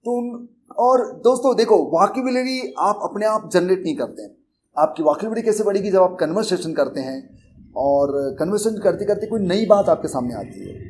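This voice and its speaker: Slightly high-voiced Indian man teaching earnestly. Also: big pitch swings, brisk, a little mellow, slight background noise. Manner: earnest, repetitive, conversational teaching with English terms mixed into Hindi. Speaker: English teacher and coaching institute founder. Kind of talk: Hindi lecture on learning English.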